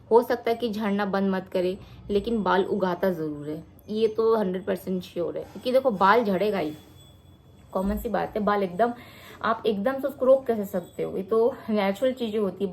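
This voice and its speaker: A woman's voice: mid-range voice, darkish tone, a little hiss or hum. A woman vlogger casually showing her beauty products and talking straight to her viewers. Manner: chatty, addresses viewers directly. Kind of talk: casual product show-and-tell vlog.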